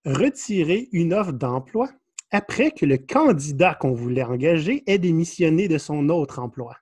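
A man's voice: fairly high pitch, expressive, a little slow, darkish tone, breathy edge, no room sound. A man in his thirties with a Québécois French accent, co-hosting a podcast and reading listener stories with wry asides. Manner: reads stories aloud, wry asides with chuckles. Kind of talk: casual podcast chat. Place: small room indoors.

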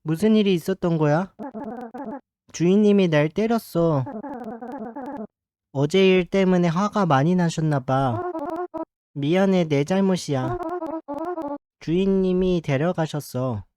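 A man reading the game lines of a beaten, apologetic living doll in a plain, slow voice. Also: fairly high pitch, warm tone, clear, resonant tone, no room sound, clean studio sound, faint music behind, lightly acted. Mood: guilty urgent.

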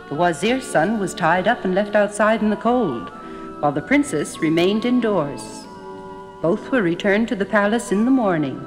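A woman narrating a fairy tale in a measured storytelling manner. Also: fairly low pitch, natural voice. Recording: echoey hall, music behind.

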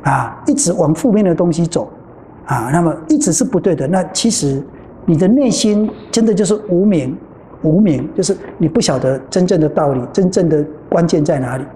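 Lively Buddhist nun teaching in a roomy hall. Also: female voice, on the low side, normal speed. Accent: Taiwanese Mandarin. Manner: animated, acts out dialogue in her stories. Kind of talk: dharma talk. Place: temple hall. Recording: roomy hall with faint noise.

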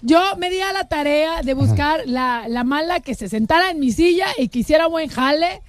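A woman's voice: high-pitched, moderate pace. A woman co-hosting a radio show, joking and introducing a new colleague in a studio. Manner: lively, joking, introducing a guest. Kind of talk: casual on-air banter.

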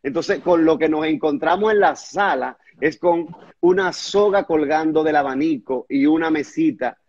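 A pastor telling a testimony in an earnest, conversational way, stumbling over and repeating words at the hardest moments. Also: male voice, fairly high pitch, moderate pace, darkish tone, muffled recording. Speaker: pastor and guest recounting a testimony.

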